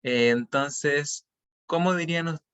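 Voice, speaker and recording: A man's voice: fairly high pitch, slow, fairly bright tone, clear, resonant tone, dull audio. A man teaching an online language class, explaining patiently and checking often that students follow.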